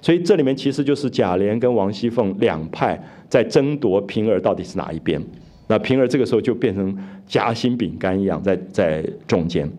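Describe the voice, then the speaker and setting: Mellow low-voiced man lecturing. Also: animated, brisk. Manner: retells scenes and asks listeners rhetorical questions. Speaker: literature lecturer. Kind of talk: explanatory lecture on a classic novel.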